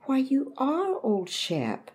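Warm, firm pioneer mother, read by a woman, lifted a touch higher. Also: sing-song, normal speed.

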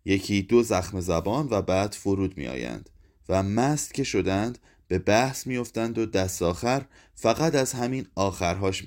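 A man narrating a literary short story in a measured, even reading voice. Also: deep voice. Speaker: audiobook narrator. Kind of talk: scripted narration.

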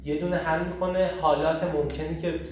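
Animated man, echoey and far off. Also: on the high side, lo-fi sound. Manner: animated, emphatic, rhetorical questions. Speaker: host leading a group discussion. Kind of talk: casual group talk on personal growth. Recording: echoey room, far from the mic, faint noise.

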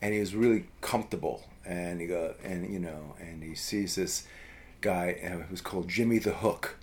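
A middle-aged man spins a long story in casual conversation. His voice sits fairly low, and he keeps circling back with fillers and restarts. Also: normal speed, darkish tone, a little hiss or hum. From US East Coast. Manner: rambling, many fillers and restarts.

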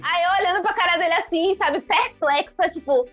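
Brazilian girl telling a wild story, high voice, lots of acted-out quotes, muffled lo-fi audio. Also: brisk, faint music behind. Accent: Brazilian Portuguese. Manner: animated, acts out quotes with big pitch jumps. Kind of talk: casual chat, animated storytelling.

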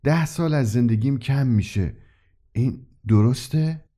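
Young male customer, timid and doubtful, read by a male storyteller, audiobook, noticeably higher pitch. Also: lively intonation, darkish tone, natural voice. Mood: hesitant. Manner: hesitant, polite, doubtful. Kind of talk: audiobook character reading.

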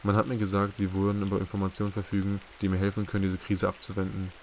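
A man doing an icy, raspy female director. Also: low voice, completely flat delivery, quick pace, slight background noise. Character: cold, raspy older female intelligence director.

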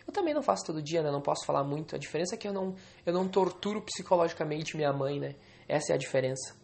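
A man's voice: a little high, expressive, racing, vocal fry. A young man venting angrily and swearing on a solo podcast recorded alone at home.

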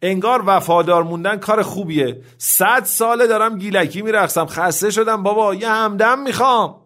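A man's voice: sits high, a bit bright, voice pushed up. Narrator voices old bachelor man, whiny and raised, feeling sorry for himself. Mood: plaintive complaining. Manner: complaining, self-pitying. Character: lonely older bachelor man, plaintive.

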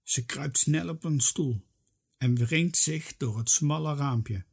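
A narrator reading a children's story aloud in an expressive, lively manner. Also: medium pitch, takes it slowly, creaky, breathy edge.

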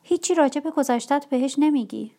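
A woman's voice: high-pitched, mellow. Brief: woman reader doing a man faking a stern lord's voice, curt and commanding. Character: man posing as a stern divine lord.

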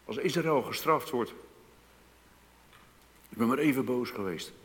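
A man preaching a sermon, moving from hushed, slow passages to loud, emphatic outbursts. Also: mid-range voice, lively intonation. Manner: dramatic swings between hushed and loud emphasis. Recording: long reverb of a church hall.

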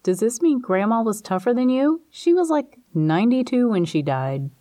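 A mocking, amused sister scoffs with a lifted voice, as the narrator puts her on. Her tone stays warm and mellow, close and dry in a storybook reading. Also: on the high side, very animated, normal speed, dry recording, pitched above the performer's own voice. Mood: teasing. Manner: teasing, amused. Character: teasing adult sister, skeptical and mocking.

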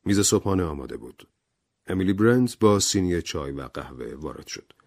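A man narrating an audiobook novel in an expressive, dramatic reading style. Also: sits low, no room sound, clean studio sound.

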